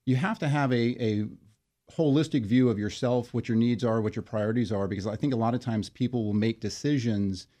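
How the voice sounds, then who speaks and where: A man being interviewed as a guest, explaining his work in a measured way with frequent fillers and restarts. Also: mid-range voice, mellow. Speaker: interview guest, financial wellness company leader. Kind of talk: conversational interview.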